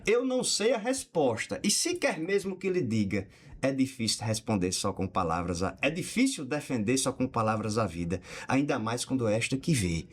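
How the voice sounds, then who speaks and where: A man's voice: mid-range voice, very animated, moderate pace. A man speaking as a podcast guest in a studio, giving closing remarks and reciting poetry in a declamatory manner. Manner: declamatory, rising into heightened recitation.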